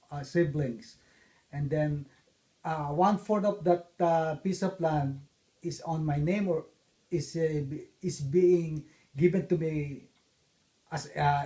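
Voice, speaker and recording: A middle-aged man from the Philippines, answering interview questions about his life in a halting way with many fillers. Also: on the high side, mellow. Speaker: interviewee, father.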